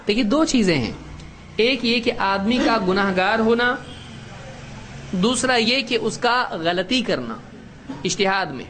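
A man's voice: high voice, lively intonation, long pauses, a bit bright, a little hiss or hum. A middle-aged man giving a religious lesson to a class, asking questions and answering them himself. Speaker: religious teacher. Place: classroom with students.

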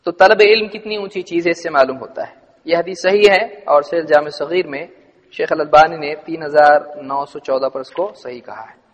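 Male religious teacher, high voice, long hall echo, quizzes the room with rhetorical questions, unpacks word meanings one at a time. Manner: asks the audience rhetorical questions and answers them; explains word meanings step by step. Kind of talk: hadith lesson to a gathered audience.

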